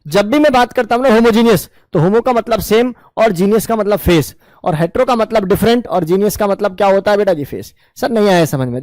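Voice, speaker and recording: A man's voice: high-pitched, darkish tone, no room sound. A man teaching a chemistry class in with English terms mixed in, asking his students questions and answering them himself in a coaxing, affectionate way. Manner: mixes English terms into Hindi. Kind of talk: classroom lecture.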